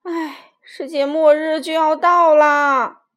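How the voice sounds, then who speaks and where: A woman voicing a frightened male innkeeper rooster who talks loudly and insistently. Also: high-pitched, steady tone, takes it slowly, pitched above the performer's own voice. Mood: alarmed. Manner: loud, insistent and alarmed.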